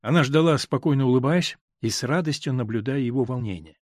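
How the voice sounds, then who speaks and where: A man reading a novel aloud as narrator, in a calm, measured way. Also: mid-range voice, dry recording, clean studio sound. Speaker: audiobook reader. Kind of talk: scripted literary narration.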